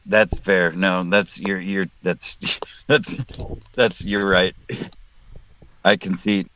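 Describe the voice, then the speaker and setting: A man's voice: sits low, flat delivery, slow, bright, forceful tone. A man hosting a podcast on a call, chatting casually, swearing and joking loosely. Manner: loose, swears, jokes and laughs easily. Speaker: podcast host.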